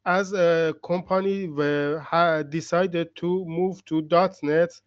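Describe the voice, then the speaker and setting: Iranian guy, smooth higher voice, careful english on a muffled call. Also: fairly even intonation, slow pace, dry recording. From Iran. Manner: careful, hesitant with fillers. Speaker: student participant. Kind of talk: self-introduction on a class call.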